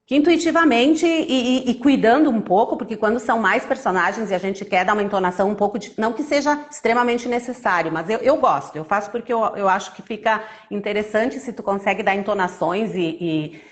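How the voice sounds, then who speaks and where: A woman storyteller who tells a children's tale with lively, expressive intonation, then chats casually with frequent restarts. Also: medium pitch, fairly quick, few pauses. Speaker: storyteller guest.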